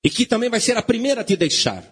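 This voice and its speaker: A man's voice: very high-pitched, sing-song, fast, fairly bright tone, husky. A man preaching a sermon as a pastor, telling a parable with dramatic storytelling.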